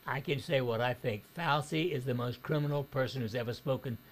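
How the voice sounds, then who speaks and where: A man's voice: mid-range voice, brisk, slight background noise. A man hosting a call-in talk radio show, blunt and outspoken in his opinions.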